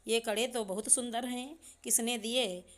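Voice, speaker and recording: A woman's voice: on the high side, steady tone, a little slow, natural voice. A woman voicing an outspoken young neighbour woman who speaks bluntly and indignantly.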